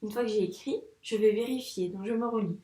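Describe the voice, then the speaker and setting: A primary school teacher, a woman, guiding a young child through a handwriting lesson in a patient, encouraging way, saying each sound slowly as she writes. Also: mid-range voice, dark tone, slight background noise. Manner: says sounds slowly while writing. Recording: echoey room, mic at a distance.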